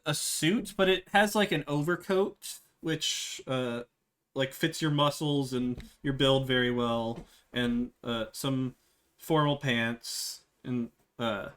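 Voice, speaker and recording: A man running a tabletop game, describing scenes in a slow, unhurried way. He stumbles through fillers and restarts and laughs at himself now and then. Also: a little high, fairly bright tone. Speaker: game master.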